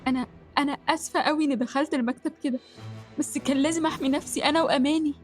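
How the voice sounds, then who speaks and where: A woman's voice: sits high, steady tone, rapid-fire, faint music behind, natural voice. A woman playing Talia, a flustered Egyptian student. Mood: shaken. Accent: Egyptian Arabic. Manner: stammering, flustered. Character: nervous, apologetic young female student, easily frightened. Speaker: young university student. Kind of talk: radio drama acting.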